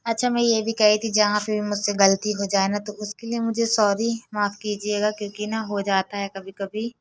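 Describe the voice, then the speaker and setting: Woman, casual home vlog, chatty, mid pitch, dry close sound. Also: level tone, moderate pace, no room sound. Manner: chatty, talks straight to viewers. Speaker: vlogger.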